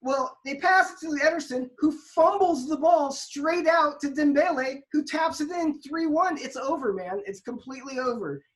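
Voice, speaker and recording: Woman, high voice, podcast chat; animated storyteller who restarts her sentences and leans into the drama. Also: normal speed, few pauses. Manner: frequent restarts and emphatic retelling. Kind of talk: casual soccer podcast chat.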